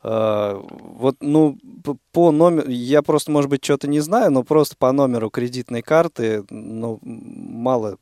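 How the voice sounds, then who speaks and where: A man hosts a radio call-in in a mid-pitched voice with a dry, close sound. His phrasing is hesitant and stop-and-start as he chats and questions. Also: unhurried, few pauses, a little mellow, dry recording. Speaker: radio host. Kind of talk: live call-in show chat.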